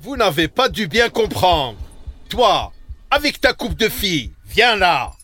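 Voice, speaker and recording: A man's voice: high voice, sing-song, slow pace, pushed and bright, husky, no room sound, faint music behind, voice pushed up, full character voice. A man voicing a cruel, sadistic male prison guard who speaks with menace and contempt. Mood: menacing.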